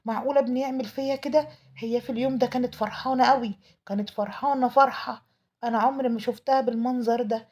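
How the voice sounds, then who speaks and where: A woman with an Egyptian Arabic accent tells a dramatic first-person story at a rapid clip. Her voice is mellow and slightly high, and she pleads and grieves as she goes. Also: fairly even intonation. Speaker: storyteller narrating a mother's tale.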